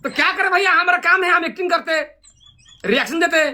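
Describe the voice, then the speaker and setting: A man's voice: very high-pitched, fairly quick, pushed and bright. A man streaming live, teasing and taunting playfully in casual banter.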